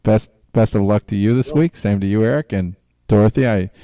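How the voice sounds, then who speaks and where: A man's voice: lowish voice, a little fast, warm tone, no echo. A middle-aged man hosting a casual football chat show, often stumbling and repeating words. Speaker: podcast host.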